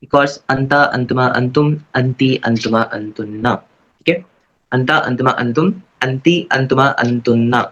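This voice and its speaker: A man teaching an online Arabic grammar class in a casual, repetitive way. He keeps checking in with his students and slowly chants verb forms aloud. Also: mid-range voice, fairly bright tone. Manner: casual and repetitive, checking in with "theek hai?" after every point. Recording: dull lo-fi recording.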